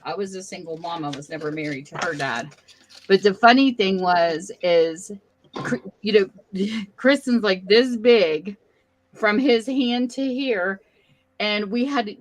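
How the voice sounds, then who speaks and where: A middle-aged woman hosting a casual chat, telling animated family stories. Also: medium pitch, a little slow, rough recording. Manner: chatty, animated storytelling. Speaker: host.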